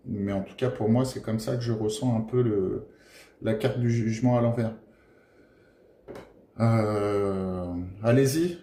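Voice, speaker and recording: A man giving a casual tarot reading to his viewers, gentle and encouraging, pausing often with filler sounds. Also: mid-range voice, slight background noise. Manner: hesitant, full of filler pauses. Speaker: tarot card reader. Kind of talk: casual tarot guidance monologue. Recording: roomy echoey room.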